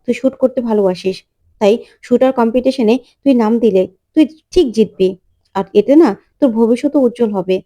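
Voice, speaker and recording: Woman reading a determined caring mother, earnest, pleading, warm, fairly high. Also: fairly quick, close to an everyday voice. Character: determined caring mother who lost her memory.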